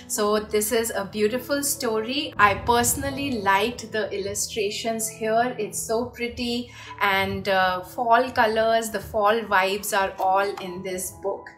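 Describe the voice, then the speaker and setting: Woman doing a book recommendation video, explaining things to parents, mid-pitched voice, music playing behind. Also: fairly bright tone. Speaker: presenter reviewing children's books. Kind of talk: informal book recommendation monologue to camera. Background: background music.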